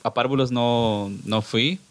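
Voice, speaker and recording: This guest is a band singer from Guatemala, in his thirties, speaking slowly with a Guatemalan Spanish accent in a relaxed podcast interview. His mid-range voice keeps fairly even intonation, broken by frequent laughter, hesitations and restarted sentences, with no room sound.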